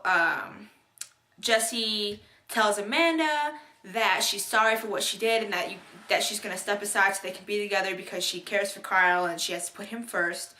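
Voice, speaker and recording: This is a young woman recapping a TV episode in a casual, bubbly way, her voice medium in pitch with a sharp edge. The room is echoey, and her rambling chat is thick with fillers and restarts.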